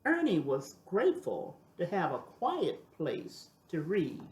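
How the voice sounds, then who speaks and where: An older woman reads a children's storybook expressively, with sweet grandmotherly warmth and deliberate, emphatic phrasing. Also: fairly low pitch, huge pitch swings. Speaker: storybook reader. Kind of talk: expressive scripted storybook narration. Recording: roomy, echoing sound.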